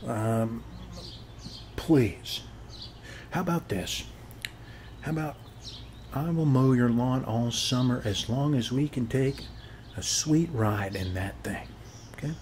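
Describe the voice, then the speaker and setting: Speaking slowly at medium pitch with frequent pauses, an American man plays a chatty, boastful suburban neighbor in an ASMR roleplay. His slightly mellow voice rambles in a homespun way, regularly checking on the listener, over a faint hiss or hum.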